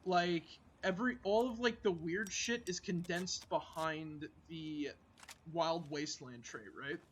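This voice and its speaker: High-voiced rambling young man streamer. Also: a little slow, fairly bright tone, a little hiss or hum. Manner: rambling, full of filler likes and restarts. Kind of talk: casual gaming chat.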